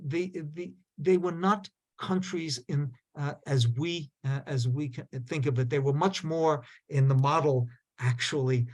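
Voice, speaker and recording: A man lecturing as a professor, speaking haltingly with many pauses and restarts. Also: medium pitch. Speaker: professor giving a talk. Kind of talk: lecture on a video call.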